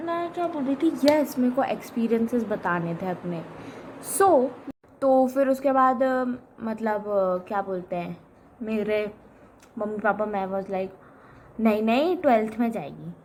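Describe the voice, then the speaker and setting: Slow, rambling young woman chatting. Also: mid-range voice, animated, darkish tone, slight background noise. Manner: rambling, chatty, lots of fillers and self-corrections. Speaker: arts student vlogger. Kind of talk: casual chat.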